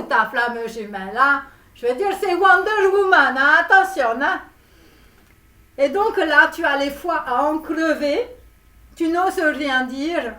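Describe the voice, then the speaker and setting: A woman's voice: sits high, sharp tone, distant mic, heavily acted. A woman voicing a brash Romanian-American guru coach with a put-on Romanian accent, who talks in a rambling, theatrical way during a comic tarot reading. She is recorded in a roomy space away from the mic. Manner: rambling, theatrical, self-promoting. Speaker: tarot reader and love coach.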